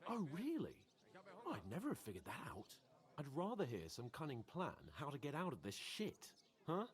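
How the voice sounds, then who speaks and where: A man's voice: fairly high pitch, wildly swooping pitch, normal speed. An actor playing a brash young nobleman who talks with biting sarcasm. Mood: sarcastic. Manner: sarcastic, exclamatory. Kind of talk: game voice acting.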